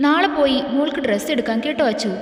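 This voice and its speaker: A woman's voice: high-pitched, fast talker, lightly acted. A woman voicing an affectionate, protective young husband and father in a storybook reading, with a long echo around her voice. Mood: tender. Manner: tender, then sternly scolding. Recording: echoey room with long reverb.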